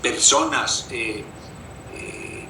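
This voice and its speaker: A man recalls events with hesitant fillers. He sounds far from the mic in a roomy, echoey space. Clear noise runs under his voice. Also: fairly low pitch, huge pitch swings, very slow. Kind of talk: recollection.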